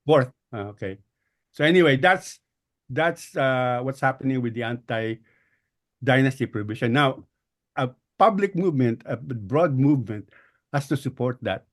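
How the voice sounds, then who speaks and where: A mid-pitched man with a Filipino accent explains things as a guest speaker in an online meeting. He speaks hesitantly, pausing often and doubling back on words as he builds each point. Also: animated. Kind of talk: explanatory political talk. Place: online group call.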